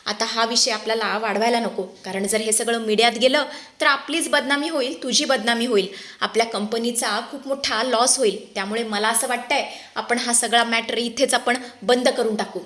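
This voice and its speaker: A woman voicing a middle-aged aunt who placates and persuades in a soft, calculating way. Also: fairly high pitch, steady tone, moderate pace, roomy sound, close to an everyday voice. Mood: placating.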